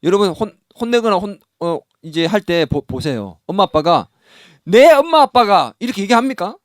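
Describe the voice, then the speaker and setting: Male pastor, lively high voice, questions the congregation, dry close mic. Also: a little fast, dry recording. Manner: animated, acts out scolding dialogue, asks the congregation questions. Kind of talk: sermon.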